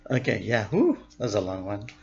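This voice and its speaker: A man, a vlogger, giving a casual review of show episodes, unhurried and thinking aloud. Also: on the low side, wildly swooping pitch, darkish tone, highs cut off.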